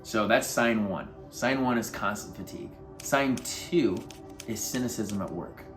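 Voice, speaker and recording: A man with a fairly low voice speaks as a life coach, offering earnest, motivational advice in a loose, casual manner. He leans on fillers as he talks straight to the viewer. Faint music plays behind him. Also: measured pace. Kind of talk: motivational advice talk to camera.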